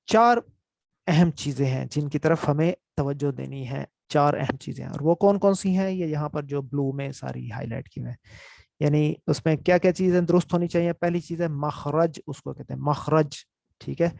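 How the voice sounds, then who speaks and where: Man teaching in a gravelly voice. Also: a little high, darkish tone, no echo. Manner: explanatory, repeats terms and checks understanding often. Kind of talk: online lesson with screen notes.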